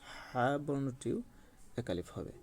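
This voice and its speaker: A man teaching Quran recitation in a slow, patient lesson, drawing out each demonstrated letter. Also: mid-range voice, animated, a little mellow.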